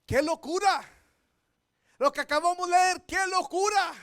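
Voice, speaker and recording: A pastor preaching a sermon in a loud, impassioned way that builds to shouting. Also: male voice, very high-pitched, measured pace.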